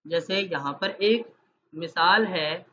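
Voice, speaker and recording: A man teaching an online Quran recitation class with a dry throat from fasting. He explains through examples and asks his students questions. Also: a little high, pushed and bright. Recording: dull, slightly noisy online call audio.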